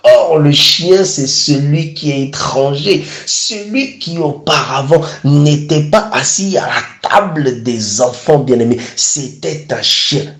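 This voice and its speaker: A man preaching a sermon, emphatic and repeatedly calling his listeners beloved. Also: a little high. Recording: echoey room.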